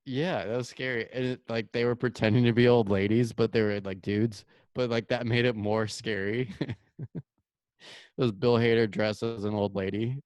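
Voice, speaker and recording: A man's voice: mid-range voice, steady tone, normal speed, a little mellow, clean tone, no echo. A young man co-hosting a podcast, chatting casually, laughing often and letting sentences trail off. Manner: laid-back, laughing, trailing off. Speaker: podcast co-host. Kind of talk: casual chat.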